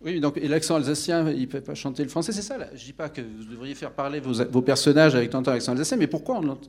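Male panelist, lecturing, husky. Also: on the high side, fast, a little mellow. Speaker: panel guest. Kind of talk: panel discussion.

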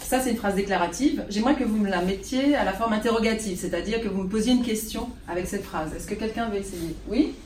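A woman's voice: medium pitch, fast, few pauses, darkish tone, slight background noise. A woman teaching a French class, patient, and checking in with her students often. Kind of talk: classroom lesson. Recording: roomy classroom recorded from a distance.

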